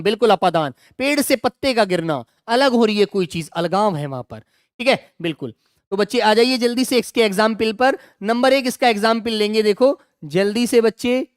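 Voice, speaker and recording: A middle-aged man teaches an online exam-prep grammar class in a smooth, resonant voice. He drills each example, repeats the words and keeps urging students to answer quickly. The sound is close and dry. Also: high voice, no room sound.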